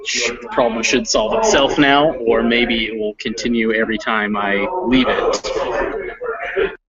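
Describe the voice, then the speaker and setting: Over a noisy crowd, a man with a mid-range voice teaches an online English reading class from a classroom that isn't his regular one. He speaks a little slowly, friendly and somewhat hesitant, with plenty of fillers. The highs are cut off.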